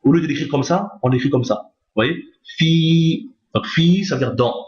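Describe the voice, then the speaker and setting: A man's voice: fairly high pitch, moderate pace, a little mellow. A man teaching a recorded Arabic reading lesson, patiently repeating each point and checking understanding. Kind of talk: recorded lesson explaining on screen. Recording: roomy, dull lo-fi recording.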